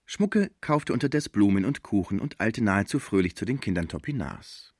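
Male narrator, low and expressive, dry audiobook read. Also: normal speed, breathy edge, dry recording. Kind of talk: audiobook reading.

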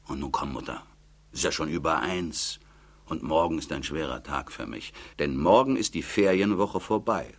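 A man's voice: low voice, husky, exaggerated voice. A man reading the part of a stern, practical young woman, firm and matter-of-fact as she lectures.

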